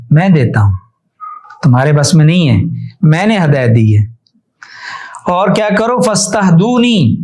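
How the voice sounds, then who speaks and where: A man's voice: on the high side, a little mellow, low-quality recording. Emphatic man giving a religious lecture. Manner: emphatic, repeats phrases for stress; recites Arabic phrases slowly. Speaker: Islamic scholar teaching hadith.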